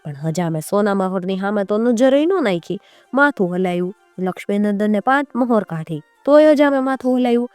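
A woman storyteller narrating a folk tale in a lively, rhythmic way. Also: mid-range voice, a little fast, no echo, soft background music.

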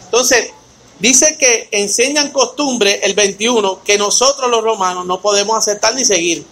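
High, bright-voiced man teaching scripture. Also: normal speed, a little hiss or hum, poor audio. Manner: reads scripture aloud, then explains it with rhetorical questions; addresses listeners by name in a conversational way. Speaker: Bible study teacher. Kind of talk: teaching a Bible study.

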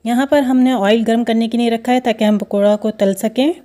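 A woman hosting a home cooking video, explaining each step of a recipe in a steady, instructive way. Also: a little high, a little fast. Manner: steady, instructive, repeats steps. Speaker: cooking show host. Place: home kitchen.

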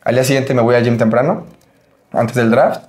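A young man with a Mexican accent, a podcast guest telling a story in a casual, lively way, full of filler tags. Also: mid-range voice, a little fast, echoey room. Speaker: podcast guest, American football player.

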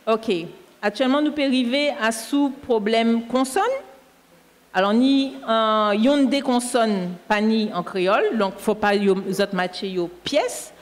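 A woman with a Martinican Creole accent talks through spelling rules, patiently spelling out words letter by letter. Her voice sits fairly high. The sound carries the long echo of a hall. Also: measured pace. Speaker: language teacher correcting a dictation. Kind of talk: explaining spelling rules live on air. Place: school canteen hall. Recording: echoey hall.

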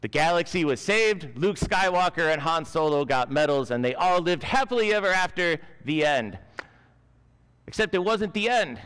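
A man's voice: fairly high pitch, expressive, moderate pace, fairly bright tone, clear, resonant tone. A man in his forties preaching a chapel sermon at a school, telling stories earnestly while gesturing with both hands. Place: school chapel stage with a lectern. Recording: long reverb of a large chapel.

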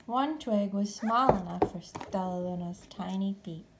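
A woman reading a children's story aloud expressively, with deliberate, dramatic phrasing. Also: mid-range voice, heavy background noise. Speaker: storybook reader.

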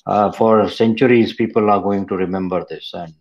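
A man's voice: fairly low pitch, steady tone, normal speed, darkish tone. A man hosting an interview, asking polite questions and giving earnest, courteous remarks. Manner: courteous, brief acknowledgements, earnest. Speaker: interviewer, show host. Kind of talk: conversational interview. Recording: dull, muffled sound.

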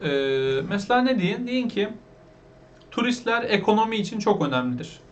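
High-voiced patient male English teacher. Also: very animated, moderate pace, highs cut off, a little hiss or hum. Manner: patient, repeats words and asks his viewers questions. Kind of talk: online language lesson.

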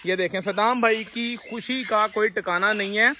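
A man in his thirties with a very high voice hosts a casual vlog and chats excitedly with viewers. He films himself on a phone held out at arm's length in an outdoor aviary. Clear noise sits behind him. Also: normal speed. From Pakistan. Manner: excited, chatty, addresses viewers directly. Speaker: vlogger host. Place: large outdoor bird aviary. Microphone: phone camera held at arm's length. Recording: noisy outdoor phone recording. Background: birds squawking.

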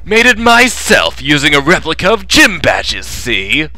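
A man voicing an eager, easily flustered young student adventurer from a video game, in an expressive, dramatic and casual way. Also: fairly high pitch, unhurried, soft background music, pitched above the performer's own voice, exaggerated voice. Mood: proud. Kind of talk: acted video game dialogue reading.

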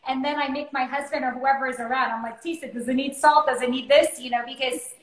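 Chatty woman in her thirties, high voice, cooking-show co-host on a video call from a roomy home kitchen. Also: fairly even intonation, fast. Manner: chatty, explanatory, many fillers. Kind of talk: casual cooking chat. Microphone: video call, laptop or phone camera.

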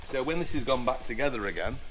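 A man in his forties, an aircraft maintenance engineer, chats while working through a job in a large indoor hangar, often restarting his sentences in this casual, hands-on workshop walkthrough. His mid-range voice is expressive and he talks fast. Soft music plays in the background of the low-quality recording.

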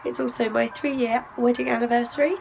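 Young woman, hoarse lost voice, high pitch, casual vlog chat, phone at arm's length indoors. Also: fairly even intonation, brisk, darkish tone, a little hiss or hum, rough recording. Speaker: vlogger. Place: small plain room indoors.

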